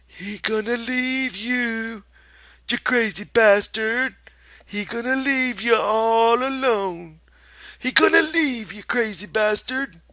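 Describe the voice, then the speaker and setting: A man's voice: very high-pitched, slow, bright, forceful tone, no room sound, pitched above the performer's own voice, heavily acted. A man voicing a mean, scornful, foul-mouthed rabbit that jeers and scolds in a rural American accent. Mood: cruel taunting. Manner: jeering, scolding.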